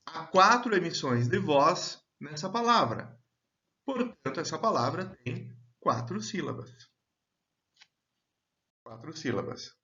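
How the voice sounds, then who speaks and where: A man teaching a grammar lesson, speaking slowly and deliberately and drawing out example words. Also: a little high, big pitch swings, pushed and bright. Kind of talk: slow, clear grammar lesson. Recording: dull, lo-fi sound.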